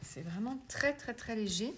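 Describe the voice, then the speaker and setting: A woman's voice: on the high side, expressive, moderate pace, heavy background noise. Chatty woman demonstrating a craft. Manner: chatty, drops to soft whispered asides while working; self-mocking, laughs at her own English pronunciation. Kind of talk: casual tutorial demonstration.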